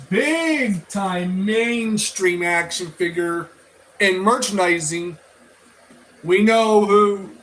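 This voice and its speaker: A toy and media review vlogger, a man with a high-pitched, slightly bright voice, shares his opinions in a casual vlog. He speaks slowly and haltingly, drawing words out, and rambles, repeating and restarting phrases. The recording quality is low.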